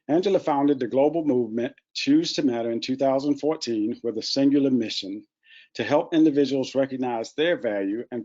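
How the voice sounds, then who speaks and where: Male webinar host, measured scripted delivery, dull online-call sound. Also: mid-range voice, a little mellow. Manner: formal, measured introductions. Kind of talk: reading scripted introductions. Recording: muffled lo-fi webinar audio.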